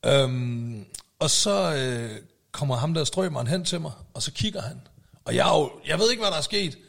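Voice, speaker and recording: A man telling a story in casual podcast chat, acting out shouted quotes. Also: a little high, vocal fry, breathy edge. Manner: animated, acts out shouted quotes.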